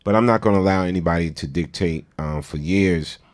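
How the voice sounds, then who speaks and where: Deep-voiced man hosting casual morning radio. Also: a little fast, no room sound. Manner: slangy, affirming, repeats phrases for emphasis. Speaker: radio show host.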